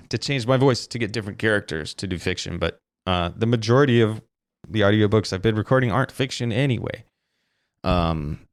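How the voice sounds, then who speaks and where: A man's voice: sits low, clean tone, dry recording, studio quality. A man hosting a casual solo podcast, rambling and swearing as he corrects himself on a desk mic. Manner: rambling, profane, self-correcting. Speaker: podcast host. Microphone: desk mic through a streaming interface.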